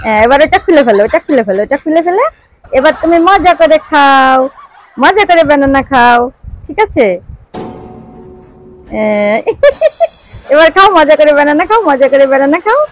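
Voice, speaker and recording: A woman's voice: sits high, lively intonation, moderate pace, long pauses, soft background music. A woman filming a little girl for a family vlog, coaxing her in playful baby talk and asking her for animal sounds. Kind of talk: casual vlog chat, talking to a toddler.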